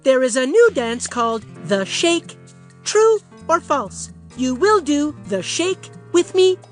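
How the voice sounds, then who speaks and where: A robot prince from a children's storybook game, voiced by a woman. He speaks in a stiff, mechanical, computer-like way, pitched high and delivered slowly. Faint music plays behind him. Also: big pitch swings, full character voice. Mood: formal.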